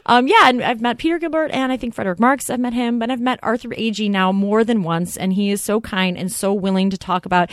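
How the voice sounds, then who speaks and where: A woman's voice: fairly high pitch, fast talker, hardly any pauses, no room sound, clean studio sound. Gushing, rambling woman. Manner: gushing, rambling, excitable with many fillers. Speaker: podcast co-host. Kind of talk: casual film podcast chat.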